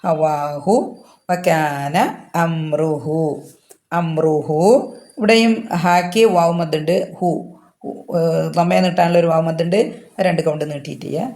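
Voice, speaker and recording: ഖുർആൻ പാരായണ നിയമങ്ങൾ ക്ഷമയോടെ പഠിപ്പിക്കുന്ന ഒരു സ്ത്രീ, ഓരോ വാക്കും പതുക്കെ ഓതി ആവർത്തിക്കുന്നു. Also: female voice, deep voice, fairly even intonation, a little mellow. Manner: slow and patient, recites each phrase then repeats it. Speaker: Quran recitation teacher. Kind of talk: explaining Quran recitation rules.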